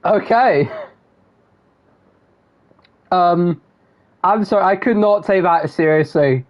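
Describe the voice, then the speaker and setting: Slow, rambling man streaming a game. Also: high-pitched, highs cut off. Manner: rambling, giggly, self-interrupting. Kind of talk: live gameplay commentary.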